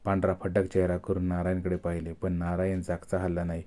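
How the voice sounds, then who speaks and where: A man narrating a story in a steady, expressive storytelling manner. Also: deep voice, a little fast.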